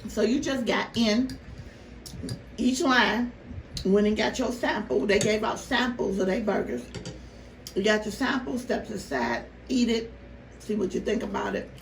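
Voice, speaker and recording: A woman vlogger telling a story casually to her viewers, animated and exasperated, with rhetorical questions. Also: medium pitch, unhurried, gravelly, pauses often. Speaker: mukbang vlogger. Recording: roomy, noisy, distant microphone.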